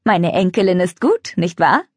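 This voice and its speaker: A woman's voice: fairly low pitch, animated, normal speed, no room sound, studio quality. A woman voicing a proud, plainspoken old grandfather who runs a farm, in a children's storybook reading. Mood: earnest. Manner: gruff, plainspoken. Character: kindly old grandfather farmer, stubborn and proud.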